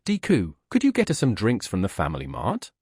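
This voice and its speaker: A man voicing a warm, emotional young woman who gushes and apologizes, with a husky voice. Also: fairly low pitch, wildly swooping pitch, a little fast, no echo, studio quality, exaggerated voice.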